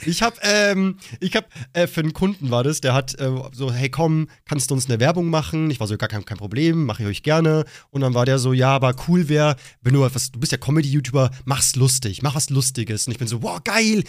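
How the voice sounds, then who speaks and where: A man co-hosting a casual podcast, telling stories in an animated way and acting out the people in them. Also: mid-range voice, fairly quick, few pauses, no room sound, clean studio sound. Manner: animated storytelling, acts out voices, frequent laughter. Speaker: podcast co-host, comedy YouTuber.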